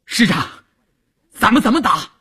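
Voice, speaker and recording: A man voicing an eager regiment commander who briskly reports to his superior. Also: high-pitched, big pitch swings, bright, forceful tone, slightly rough, voice pushed up, exaggerated voice. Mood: urgent.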